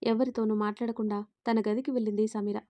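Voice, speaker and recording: A woman narrating a family story, reading every character's lines in her own voice and lifting louder for the quotes. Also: a little high, level tone, fast, dry recording. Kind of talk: scripted narration with character dialogue.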